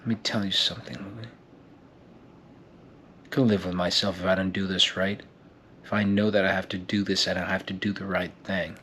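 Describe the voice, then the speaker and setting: A weary, determined man makes a hushed, intense vow to change, as a man acts out an improvised scene. His voice sits fairly low and stays quiet and steady. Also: normal speed, long pauses, a little hiss or hum. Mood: resolute. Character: weary, determined grown man vowing to save himself.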